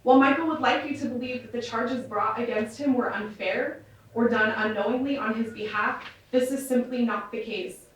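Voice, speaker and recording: A nervous woman reads a formal victim statement in a courtroom, her voice slightly high. The courtroom recording is heavily echoey, with the mic distant and a faint hiss underneath. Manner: measured and formal, with soft fillers. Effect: courtroom audio recording. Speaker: victim giving an impact statement. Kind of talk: reading a prepared statement aloud.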